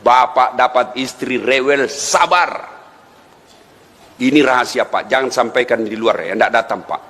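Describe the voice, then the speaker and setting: A male preacher jokes his way through a sermon in a high, bright, ringing voice. He teases his listeners and breaks into laughs, and the sound carries through an echoey hall over a faint hiss. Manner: joking, teasing, with frequent laughs. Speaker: Islamic preacher. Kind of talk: humorous sermon.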